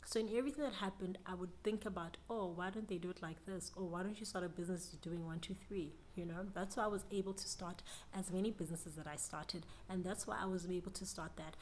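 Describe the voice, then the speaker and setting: A woman's voice: fairly low pitch, fast talker, hardly any pauses, a little mellow, slight background noise. A young South African woman with a South African accent, giving an earnest, reflective motivational talk to camera about business. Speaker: business vlogger.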